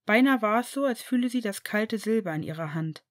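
A woman narrating a story at an even, steady pace. Her audiobook reading stays plain and level throughout. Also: mid-range voice, a little fast. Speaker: fan fiction reader.

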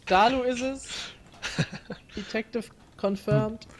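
A woman in a gaming voice chat making unhurried, drawn-out remarks. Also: a little high, steady tone. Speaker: gaming co-player.

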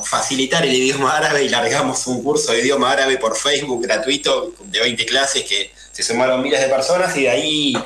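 A man in his thirties from Argentina, with a Buenos Aires Spanish accent, answers radio interview questions as a guest, earnest and explanatory with lots of fillers. His mid-range voice is bright and forceful, recorded poorly in an echoey room.

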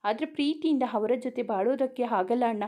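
A woman voicing a young woman, a gentle younger sister who pleads softly. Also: a little high, a little fast, natural voice. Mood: earnest. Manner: soft, pleading.

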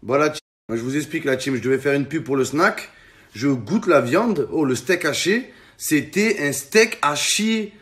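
A man in his forties doing comic sketches and vlog monologues, loud, excitable and slangy, often breaking into shouts. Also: on the high side, moderate pace, breathy edge. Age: 40s. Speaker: comedian.

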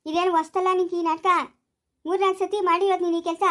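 A woman's voice: very high-pitched, level tone, fast, a bit bright. A woman with a rural Chikkaballapur Kannada accent playing a stern mother who runs a small village shop, talking in a blunt, scolding way in an amateur family skit. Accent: rural Kannada of the Chikkaballapur area.

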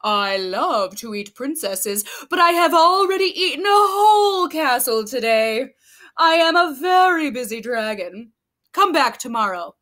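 A woman voicing a boastful, busy male dragon in a storybook reading, gruff and dismissive. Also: high voice, big pitch swings, unhurried, pushed and bright, full character voice.

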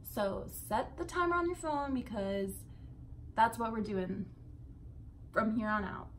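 Expressive and measured, a young adult woman with a slightly high voice chats loosely to camera as a vlogger. She's indoors in her bedroom, swearing and going off on rambling tangents, with slight background noise in the recording.

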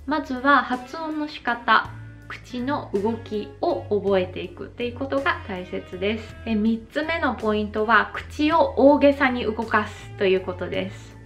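A Japanese woman in her thirties giving a slow, careful pronunciation lesson, exaggerating her mouth shapes when she demonstrates sounds. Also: fairly high pitch, lively intonation, fairly bright tone, soft background music. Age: 30s. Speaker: English pronunciation teacher. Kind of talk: slow explanatory vlog lesson.

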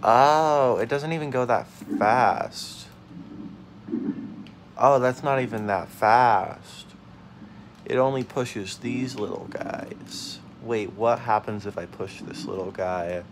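A man's voice: medium pitch, takes it slowly, a little hiss or hum. A young man casually commenting on a video game as host, laughing and yelping at his own mishaps. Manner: excitable, yelps and laughs at mishaps. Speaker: let's play host.

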